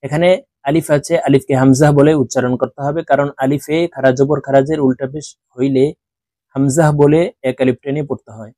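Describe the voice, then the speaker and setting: A man teaching Quran reading to viewers. He drills letter sounds slowly, one by one, then explains how to say them in quick, plain speech. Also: mid-range voice, little pitch movement, dark tone, no echo. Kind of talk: slow recitation drill with explanations.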